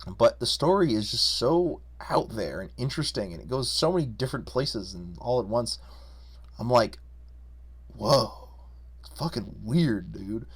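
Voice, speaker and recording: A young man in an unscripted, excitable and profane casual recap of games he played, rambling with frequent swearing. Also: mid-range voice, normal speed, breathy edge. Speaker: gaming video creator.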